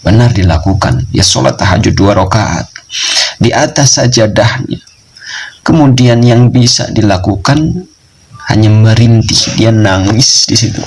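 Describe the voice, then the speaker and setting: Man, preaching storyteller, low voice, repeats lines for emphasis, faint hiss. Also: expressive, measured pace, low-quality recording. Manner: repetitive, emphatic, addresses listeners as friends. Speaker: religious storyteller.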